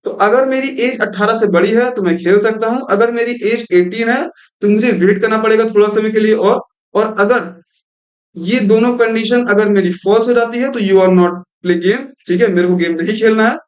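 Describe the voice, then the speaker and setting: A programming tutor, a young man with a high-pitched voice, explains a screen-recorded lesson step by step at a moderate pace. His explanations mix in English terms, and he keeps repeating "thik hai."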